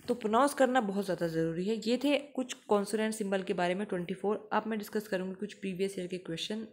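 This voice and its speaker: Patient woman teaching phonetic symbols. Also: medium pitch. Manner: patient, repeats example words slowly. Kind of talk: explaining English phonetic symbols to students.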